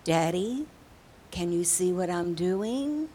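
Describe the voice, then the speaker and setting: A woman voicing a scared little girl in a bomb shelter, calling out in a high, pleading voice. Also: lively intonation, slow pace, dark tone, a little hiss or hum. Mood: anxious.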